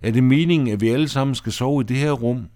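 A girl on the verge of tears protests that the rules are unfair, her voice pushed high and strained, as a man reads her lines aloud. The sound is dry and close. She pleads and complains by turns. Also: warm tone, dry recording, close to an everyday voice. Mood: tearful protest. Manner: pleading and indignant. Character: upset girl who refuses to sleep apart from her sister.

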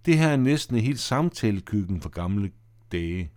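A man's voice: on the low side, no echo, clean studio sound. A man reading aloud as a teasing, self-assured girl. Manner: teasing and calm.

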